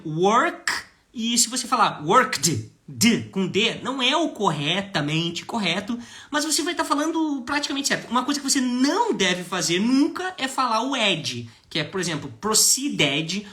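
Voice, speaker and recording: A middle-aged man from Brazil teaching an English lesson, reading English lines slowly and then explaining them. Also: high voice, bright, forceful tone. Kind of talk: language lesson.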